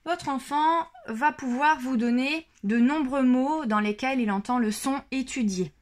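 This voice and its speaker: A woman with a French accent, slowly explaining a phonics exercise to parents, stressing each syllable. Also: high-pitched. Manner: articulates words syllable by syllable. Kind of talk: slow, careful instructional explanation.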